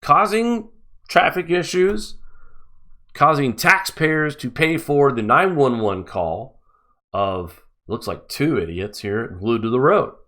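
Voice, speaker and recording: A man's voice: mid-range voice, expressive, slow, pushed and bright. A man hosting a live-stream news show, giving mocking, sarcastic commentary.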